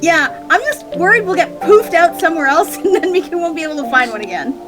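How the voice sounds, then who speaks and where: A woman's voice: very high voice, animated, quick pace. A woman playing a tabletop game, giggly and casual, swearing now and then. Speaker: player. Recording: music playing behind.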